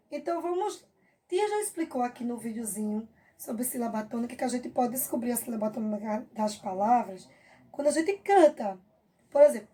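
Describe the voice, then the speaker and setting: A woman's voice: sits high, mellow. A Brazilian woman teacher giving a patient review lesson for children, stretching out her examples and often checking in with the class. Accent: Brazilian Portuguese.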